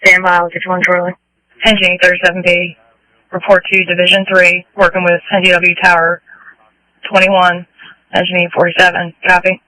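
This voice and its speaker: A man's voice: sits high, monotone, a little fast, pushed and bright, no echo, low-quality recording. A man giving terse, procedural orders as a fireground commander over two-way radio. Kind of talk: emergency radio dispatch traffic, giving orders. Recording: dry, radio transmission.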